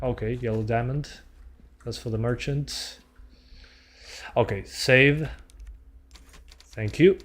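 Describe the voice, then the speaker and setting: A man's voice: medium pitch, slow pace, pauses often. A man doing casual gameplay commentary as a streamer, chatting with his viewers as he plays. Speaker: game streamer.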